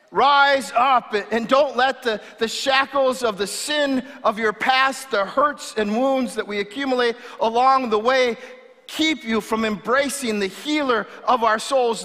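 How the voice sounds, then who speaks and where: A man's voice: very high-pitched, sharp tone. A man preaching a sermon as a pastor, with fervent, fiery rallying oratory and emphatic repetition. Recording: reverberant hall.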